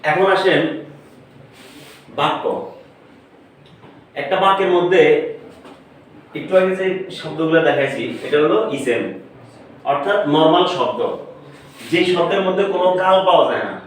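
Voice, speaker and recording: Here a man teaching Arabic has a fairly high pitch and lively intonation, moving at a moderate pace with frequent pauses. It's a classroom lesson where he repeats words and tests his listeners on them, recorded in an echoey room far from the mic with a little noise.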